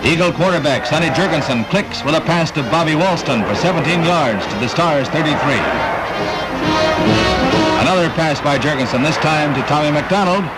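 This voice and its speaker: A man announcing sports in an old 1960s newsreel recording, with a brisk, punchy play-by-play delivery. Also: a little high, poor audio. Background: loud music.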